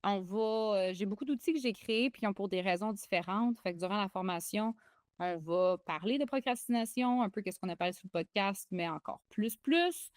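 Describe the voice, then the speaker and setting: Young Québécois woman co-host, excitable and chatty, dry booth sound. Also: mid-range voice, no room sound. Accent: Québécois French. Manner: excitable, chatty, frequent fillers and restarts. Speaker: podcast co-host. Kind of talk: casual podcast chat.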